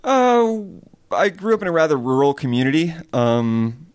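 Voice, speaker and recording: A man's voice: on the high side, big pitch swings, moderate pace, smooth. A man from Connecticut who runs a small farm, earnestly explaining his work in an interview. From Connecticut, USA. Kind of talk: interview answers.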